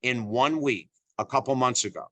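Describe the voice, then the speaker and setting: A middle-aged man talks as a guest in an earnest, emphatic way, often repeating himself for weight and leaning on "you know." His voice sits at an ordinary pitch for a man. The recording is dry, with no room sound around him. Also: moderate pace, a bit bright, no room sound. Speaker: author and guest. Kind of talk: conversational interview.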